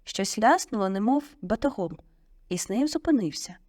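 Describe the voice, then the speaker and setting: A woman narrating an audiobook in a vivid, expressive storytelling manner on a close studio mic. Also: mid-range voice, moderate pace, no room sound.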